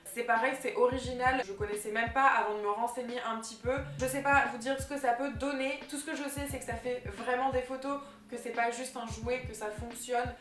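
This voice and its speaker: Young woman vlogging gift ideas, chatty and excited, lots of euhs, slightly high voice. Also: fairly quick, few pauses. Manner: chatty and enthusiastic, with frequent fillers. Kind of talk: casual vlog chat. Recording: echoey room with faint music.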